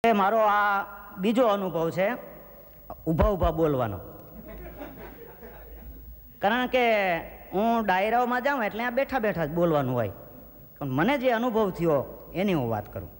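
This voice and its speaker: A man's voice: sits high, animated, measured pace, pauses often, big-room sound. A man tells jokes on stage as a folk comedian, mocking himself and acting out hecklers. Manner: self-mocking storyteller, acts out hecklers' voices. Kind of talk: stand-up joke telling.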